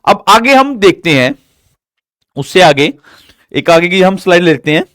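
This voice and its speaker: Guy teaching a live class, high voice, slow and careful, quizzes then answers himself, dry close sound. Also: no room sound. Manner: asks questions and answers them himself, drilling; slow, deliberate explaining with an animated pitch. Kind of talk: live online grammar lesson.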